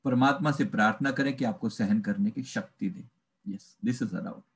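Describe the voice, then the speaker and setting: A man's voice: lowish voice, normal speed, vocal fry. Hindi-speaking male life coach lecturing. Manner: animated, acts out dialogue, mixes in English phrases. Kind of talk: spiritual motivational talk.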